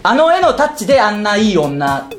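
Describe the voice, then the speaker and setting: Fast-talking high-voiced Japanese comedian host. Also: male voice, big pitch swings, roomy sound, music in the background. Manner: quick retorts, frequent laughter, teasing partner. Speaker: comedy duo radio host. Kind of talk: casual comedic radio chat.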